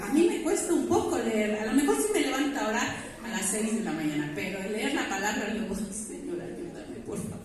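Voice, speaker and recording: Female preacher, high voice, fervent sermon, recorded from far off in a very echoey church hall. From Mexico. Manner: fervent, rising to shouts on key phrases.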